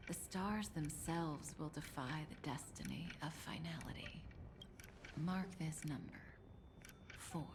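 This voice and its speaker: Slow, hushed, enigmatic woman. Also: deep voice, noisy background. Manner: measured, hushed, breathy delivery. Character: calm, enigmatic woman outlaw, solemn and quietly caring. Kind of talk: video game voice acting.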